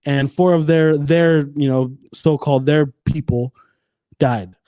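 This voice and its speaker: A man's voice: on the high side, fairly even intonation, unhurried, dark tone, no echo. A man in his twenties, a podcast guest in casual chat, rambling with many restarts and swearing freely. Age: 20s.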